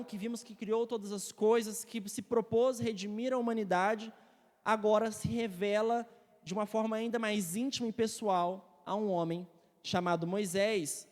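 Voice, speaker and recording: A woman's voice: medium pitch, darkish tone, long reverb tail. A woman teaching a church Bible study with slides, explaining patiently and often adding tag questions.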